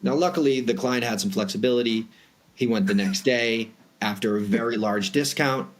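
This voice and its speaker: At normal speed and in a mid-range voice, a man with a Boston accent talks as an expert interview guest about his work brokering private jet charters, conversational and emphatic throughout.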